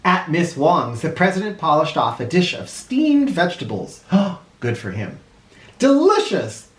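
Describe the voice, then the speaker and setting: Reading a children's storybook aloud, this host narrates theatrically and playfully, dropping in asides. His voice is a little high and fairly bright, swinging widely in pitch at a slightly slow pace, and the recording has a roomy echo.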